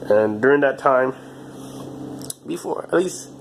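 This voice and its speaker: A man in his twenties talking alone to his channel in a halting, repetitive way, often restarting his phrases. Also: mid-range voice, animated, slight background noise, low-quality recording. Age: 20s. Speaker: vlogger. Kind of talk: casual monologue to camera.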